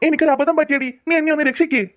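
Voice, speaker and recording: A woman's voice: high-pitched, steady tone, very fast, a bit bright. A woman voicing a flustered father who apologizes and pleads with his daughters and wife in a cartoon. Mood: pleading. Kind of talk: cartoon voice acting.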